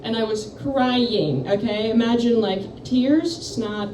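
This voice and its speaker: A woman's voice: a little high, takes it slowly, a little mellow. A young woman doing a rambling, self-deprecating stand-up set into a handheld mic at a campus coffeehouse. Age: young adult. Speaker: stand-up comedian. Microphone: handheld microphone. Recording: echoey room mic from far off, noisy.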